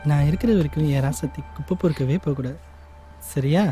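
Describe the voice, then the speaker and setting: A man's voice: fairly high pitch, brisk, dark tone, soft background music, natural voice. An actor playing a generous young driver who wins over a poor woman, in a film. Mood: coaxing. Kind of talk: film dialogue.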